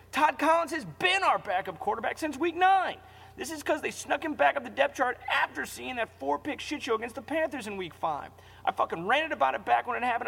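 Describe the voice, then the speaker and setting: A man's voice: very high voice, vocal fry, fairly bright tone, slightly rough, long reverb tail. A man delivering a furious, profane scripted rant. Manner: angry, profane, ranting. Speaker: ranting commentator.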